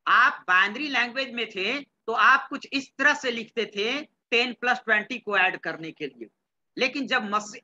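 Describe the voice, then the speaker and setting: A man with a very high-pitched, bright, and forward voice teaches computer science in a classroom lecture. Originally from Bihar, India, he peppers students with questions, echoes their responses, and blends English terms into Hindi. The recording sounds dull and lo-fi.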